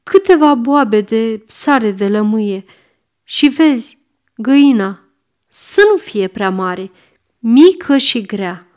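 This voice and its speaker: A woman's voice: a little high, animated, darkish tone, close to an everyday voice. A woman voicing a sick old male miser, querulous and snapping commands. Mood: wistful.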